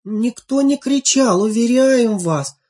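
A woman's voice: lowish voice, unhurried, dark tone, lightly acted. A woman voicing a group of fussy village neighbor women in a storybook reading, pleading and fussing.

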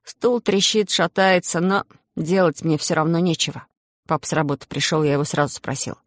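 A narrator reading a children's story aloud, giving the characters their own lines with changes in pitch and pace. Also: fairly quick, fairly bright tone, no echo, studio quality.

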